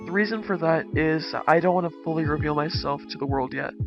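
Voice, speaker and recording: A man speaking through a voice changer as he hosts a relaxed, easygoing tour of his game world. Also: on the high side, brisk, muffled recording. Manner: laid-back, easygoing, talks while touring his builds. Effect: voice changer disguising his voice. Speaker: gaming channel host. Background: background music.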